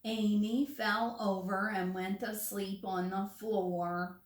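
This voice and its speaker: A woman teacher reading a picture book aloud to young children, animated, with hushed asides to her listeners. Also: medium pitch, slow pace, a little hiss or hum. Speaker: first grade teacher. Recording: roomy room, distant mic.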